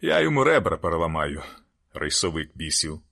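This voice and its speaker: A man voicing a hoarse, brusque middle-aged male night-crew boss in an audiobook. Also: very deep voice, sing-song, fairly quick, pushed and bright, exaggerated voice. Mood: gruff. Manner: brusque, ordering people about.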